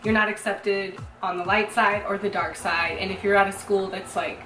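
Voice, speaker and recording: A young woman hosting a casual chat with her sisters, talkative and quick to laugh. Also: medium pitch, fairly even intonation, a bit bright. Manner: chatty, laughs easily. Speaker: channel host. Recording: echoey room, mic at a distance. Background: music playing.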